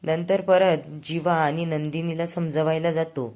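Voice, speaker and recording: A woman's voice: low voice, steady tone, measured pace, darkish tone. A woman narrating a TV serial's plot in a chatty, storytelling manner, as a casual recap.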